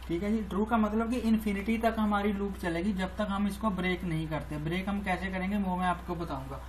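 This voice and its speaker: A woman walks through code line by line in a screen-recorded tutorial, narrating each step as she types and circling back to repeat herself. Her pitch sits in a middle range. A faint hiss and room ambience run under her voice. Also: low-quality recording. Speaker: programming tutor.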